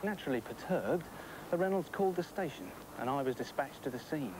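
Deadpan dad on worn hissy VHS tape. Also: male voice, medium pitch, fairly quick. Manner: formal, mock-official deadpan. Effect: worn VHS tape copy with hiss. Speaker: father telling a bedtime story in an advert. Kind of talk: deadpan police-report storytelling.

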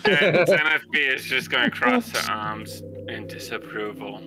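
A man's voice: medium pitch, sing-song, unhurried, over music. A man talking casually as a player in a tabletop game.

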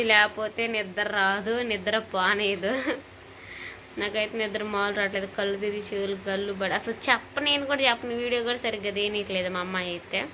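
A woman's voice: mid-range voice, sharp tone, a little hiss or hum. A young woman, a new mother, talking casually to viewers at home at night, sounding weary and feverish from lack of sleep. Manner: tired, complaining, talking straight to viewers. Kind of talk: casual home vlog chat.

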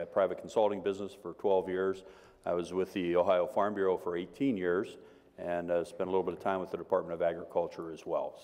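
A man's voice: deep voice, darkish tone. A man introducing himself as a state deputy director on a panel, brief and formal. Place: large hotel ballroom meeting. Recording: long reverb of a big hall.

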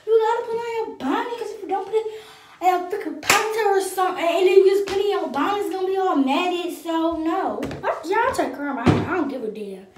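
A woman's voice: extremely high pitch, fast, far from the mic, noisy background. Playful young woman rambling in an echoey room. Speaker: vlogger. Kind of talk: casual chat while doing her hair.

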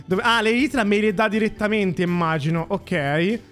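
A man doing casual gameplay commentary for viewers, excitable and often shouting when a shot works. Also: high voice, moderate pace, faint music behind. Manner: excitable, shouts and cheers at successes; addresses viewers as raga and ragazzi. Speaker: gaming YouTuber.

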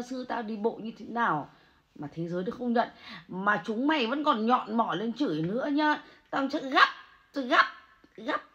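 A woman ranting angrily and scolding, swinging between low muttering and loud outbursts. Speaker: angry supporter ranting online. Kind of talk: angry livestream rant. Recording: muffled lo-fi audio.

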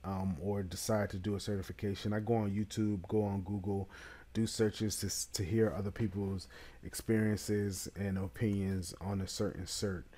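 Low, mellow-voiced man chatting casually. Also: moderate pace. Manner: relaxed, chatty, many fillers. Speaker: vlogger reviewing a certification exam. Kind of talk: casual talk to camera.

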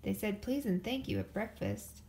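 Gentle woman reading a picture book. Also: mid-range voice, huge pitch swings, moderate pace, low-quality recording. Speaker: storybook reader.

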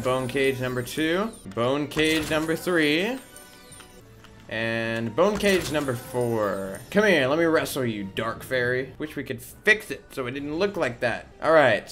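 A man's voice: mid-range voice, fairly bright tone. A young man doing casual, playful gameplay commentary, talking to himself as he plays. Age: young adult. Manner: playful self-talk, reacting to game. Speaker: gaming YouTuber. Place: indoor room at home, on webcam.

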